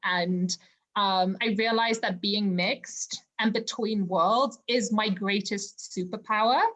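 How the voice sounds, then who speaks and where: A woman's voice: fairly high pitch, fairly bright tone. A woman from Zimbabwe, a podcast guest talking over a remote call from home, earnest and reflective, with many fillers. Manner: earnest and reflective, with frequent fillers like "you know". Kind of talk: casual interview conversation.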